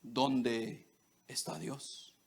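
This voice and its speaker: A man voicing a solemn pastor who speaks in a slow, deep, drawn-out preacher's voice. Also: creaky, a little hiss or hum.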